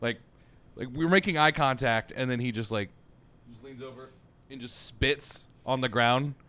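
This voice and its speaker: A man's voice: mid-range voice, moderate pace, bright, forceful tone. A man bartender telling a story in a casual chat, acting out the quotes.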